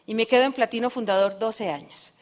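A woman's voice: on the high side, a little fast. A middle-aged woman giving a live motivational speech to an audience, telling stories and asking the crowd rhetorical questions. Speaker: motivational business speaker.

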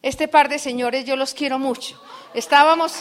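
A middle-aged woman speaks from a stage in a fairly high voice. She tells stories with lively energy and keeps pulling the crowd in with rhetorical questions, as in a motivational business talk. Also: moderate pace, a little hiss or hum. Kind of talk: live motivational speech to an audience.

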